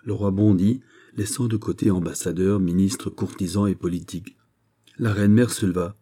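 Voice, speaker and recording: A man reading a classic novel aloud as an audiobook narrator, in a measured, steady way. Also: sits low, husky. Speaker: audiobook reader. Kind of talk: scripted narration.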